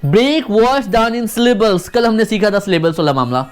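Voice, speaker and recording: A pronunciation teacher giving an online video lesson, repeating sounds many times in a slow, deliberate demonstration and coaching the viewer with questions. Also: medium pitch, clear, resonant tone.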